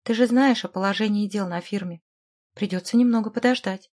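A woman's voice: mid-range voice, brisk, darkish tone, natural voice. A woman voicing a scheming, condescending middle-aged businessman in an audiobook, with a conspiratorial tone. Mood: dismissive. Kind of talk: audiobook character voice.

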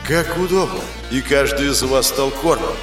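A man voicing a mocking, sinister male demon warrior who taunts slowly and menacingly. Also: mid-range voice, expressive, reverberant, music in the background, lightly acted. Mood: sneering.

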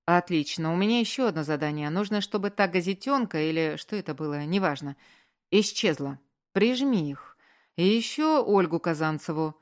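A cold, commanding wealthy man gives curt orders in a low voice, read by a female narrator. His lines are delivered plainly in the audiobook reading, with little change from the narrator's own voice. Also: lively intonation, normal speed, close to an everyday voice.

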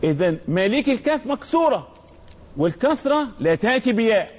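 Male Quran teacher, Egyptian accent, high husky voice, slow demonstrative recitation with call-and-response drills. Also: very animated, dull audio. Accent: Egyptian Arabic. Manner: drawn-out demonstrative recitation, quizzing students. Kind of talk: tajweed lesson with call-and-response.

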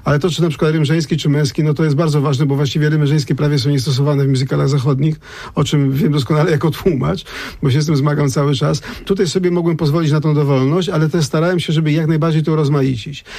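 A man's voice: fairly high pitch, fairly even intonation, quick pace, a little mellow, no room sound. A man, a lyricist and translator, talking thoughtfully on a radio show, often restarting his sentences. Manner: thoughtful, digressive, many restarts. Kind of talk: radio conversation.

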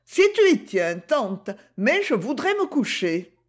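A woman's voice: fairly high pitch, big pitch swings, slow pace, voice pushed up, exaggerated voice. A woman voicing a sad, stubborn teenage girl. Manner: soft, plaintive, hesitant. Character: fifteen-year-old girl, sad and stubborn.

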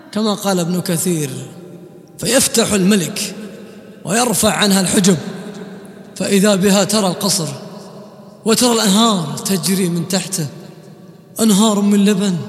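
A man preaching an emotional sermon, telling a story in fast hushed runs and then chanting verses slowly. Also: very high-pitched. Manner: impassioned, swings from fast hushed narration to slow chanted verses. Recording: echoey hall with long reverb and faint music.

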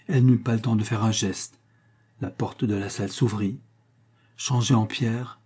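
Husky, mellow male storyteller. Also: lowish voice, steady tone, moderate pace. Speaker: reader. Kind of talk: scripted narration of a literary tale.

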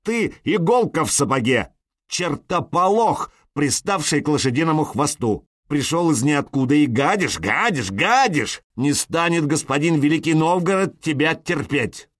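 A man voicing a pompous older male nobleman who blusters and yells in an audiobook. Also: fairly high pitch, lively intonation, normal speed, voice pushed up. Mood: raging. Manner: blustering, yelling. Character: pompous older male boyar, quick to rage.

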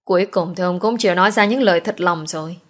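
A woman's voice: fairly low pitch, fast talker, natural voice. A woman reading the part of a defiant young man who coldly stands up to his father in an audiobook. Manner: calm, cutting.

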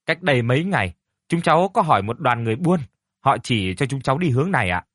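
A man's voice: medium pitch, very animated, quick pace, fairly bright tone, no echo, clean studio sound. A man voicing a defiant poor village boy, the older brother, speaking bluntly in a storybook reading. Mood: determined. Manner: blunt, indignant.

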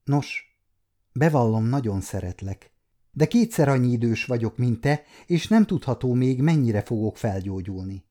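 A man in his fifties voicing a wounded, bedridden knight in his thirties who speaks earnestly, with gentle wry humor. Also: medium pitch, animated, natural voice. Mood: tender. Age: 50s.

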